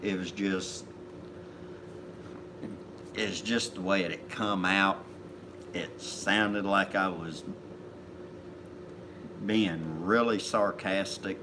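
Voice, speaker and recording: Man, very deep, unhurried, apologetic co-host, noisy background. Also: steady tone. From Kentucky, USA. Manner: slow, apologetic, mumbling. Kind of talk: casual livestream chat.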